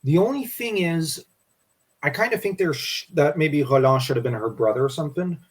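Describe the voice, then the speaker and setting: Casual co-host, male, slightly high voice, loose and rambling delivery. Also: lively intonation, a little fast, husky. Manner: rambling, restarts often. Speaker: podcast co-host. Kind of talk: casual history discussion.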